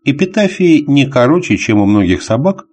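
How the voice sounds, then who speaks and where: A man with a mid-range voice narrates a novel aloud as an audiobook, sounding measured and expressive.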